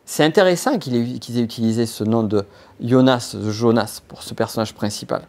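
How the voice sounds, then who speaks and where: A man's voice: mid-range voice, brisk, a little mellow. Guy doing a solo business podcast, lots of restarts and ums, chatty with the listener. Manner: hesitant, many restarts and fillers; addresses listener informally. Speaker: podcast host.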